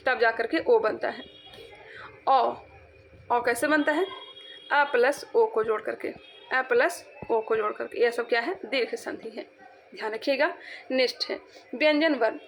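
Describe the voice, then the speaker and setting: A woman's voice: fairly high pitch, slight background noise. A woman teaching an exam-prep lesson, repeating points and quizzing her students as she goes. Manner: repetitive, quizzing, drawn-out syllables.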